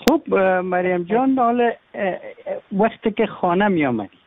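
A man's voice: high-pitched, animated, a little hiss or hum. A man hosting an interview, asking questions in a friendly, playful way. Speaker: interview host. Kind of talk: casual interview talk. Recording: tinny phone-like line.

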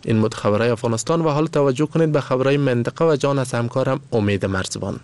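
A man with an Afghan Dari accent reads a scripted radio news bulletin in a solemn, formal newsreader manner. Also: medium pitch.

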